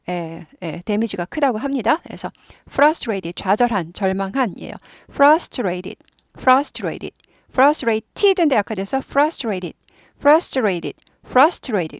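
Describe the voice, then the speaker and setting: A woman's voice: mid-range voice, no echo, clean studio sound. Patient Korean woman drilling English pronunciation. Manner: explains patiently, repeats words slowly many times. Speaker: English teacher.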